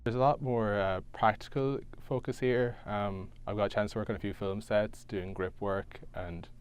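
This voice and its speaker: A man's voice: lowish voice, fairly even intonation, normal speed, clean tone. A young man from Galway with a west of Ireland accent, answering interview questions casually as a student. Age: young adult.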